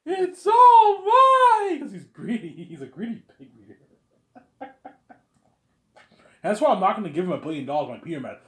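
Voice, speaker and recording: Talking about his planned film in a personal series, a young man with a fairly high voice speaks at a normal speed with big swings in pitch and long pauses. The monologue is casual and rambling, bluntly phrased, repetitive, and full of restarted phrases.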